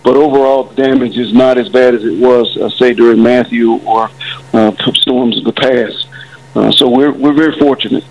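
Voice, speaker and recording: A man from Florida, a city mayor, speaking hesitantly and in measured official phrases in a live news interview by telephone. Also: mid-range voice, fairly even intonation. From Florida, United States. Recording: dull, band-limited phone line.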